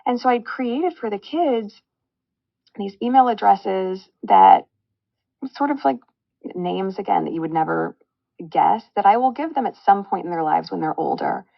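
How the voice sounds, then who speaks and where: Heartfelt woman with a gravelly voice. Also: mid-range voice, lively intonation, measured pace, dry recording, lo-fi sound. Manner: heartfelt, reflective. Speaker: guest. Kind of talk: casual podcast chat.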